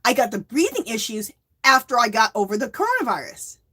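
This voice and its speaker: A woman's bright, fairly high voice swings up and down as she chats on a home craft livestream. She talks straight to her viewers, reads their comments out and laughs easily. She drives her points home with a quick "okay?" and keeps a loose, gossipy flow. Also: big pitch swings, husky. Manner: emphatic, tags lines with "okay?" and "Hello?". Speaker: livestream host of a yarn crafting channel. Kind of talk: casual chat with live viewers.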